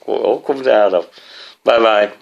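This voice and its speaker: A man's voice: on the low side, normal speed, vocal fry, highs cut off. A man rambling to his viewers in a swearing, ranting monologue, often asking them questions. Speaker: vlogger.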